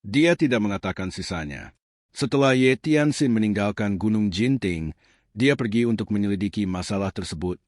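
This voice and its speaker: A man narrating a comic story recap in a steady, even scripted reading. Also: fairly low pitch, moderate pace, dry recording, studio quality.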